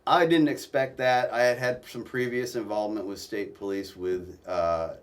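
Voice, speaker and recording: A man with a low voice tells a personal story as an interview guest. He speaks haltingly, breaking off and restarting his sentences. He sits a bit back from the microphone. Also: steady tone, recorded from a distance.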